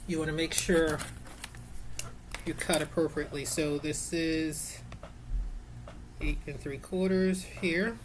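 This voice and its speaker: A woman's voice: deep voice, fairly even intonation, slow, pauses often, slight background noise. A woman casually teaching an easy sewing project at home, chatty and rambling, with many fillers and self-corrections.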